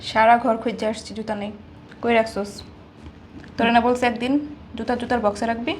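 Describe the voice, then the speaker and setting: A woman's voice: a little high, level tone, brisk, a little hiss or hum, lightly acted. An actress playing a cruel, bossy woman who scolds and belittles a young maid. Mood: scolding. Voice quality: scolding, contemptuous. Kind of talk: Bangladeshi short drama acting.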